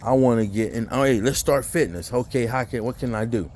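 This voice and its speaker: A motivational vlogger with a mid-range, slightly fast, slightly mellow voice delivers a blunt rant of tough-love advice. He's preachy, curses, and mimics lazy complainers.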